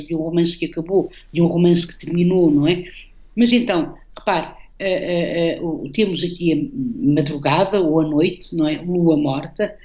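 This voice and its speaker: A guest poet with a European Portuguese accent and a lowish voice talks about poetry in a radio conversation, heard through a muffled recording. She explains a poem reflectively, often closing her phrases with a tag question.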